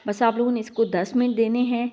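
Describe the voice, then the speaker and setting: Patient woman teaching recitation, mellow tone. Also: on the high side, steady tone. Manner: drawn-out model sounds between plain explanations. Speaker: Quran tajweed teacher. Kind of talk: slow, patient recitation lesson. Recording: slightly dull lo-fi audio.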